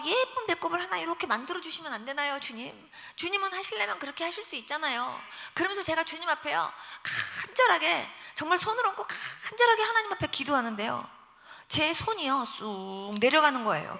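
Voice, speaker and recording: A woman's voice: high voice, gravelly, big-room sound. A woman pastor telling a testimony in a sermon, acting out prayers and the voices of people in her story. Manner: animated storytelling, acts out prayers and quotes. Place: church sanctuary.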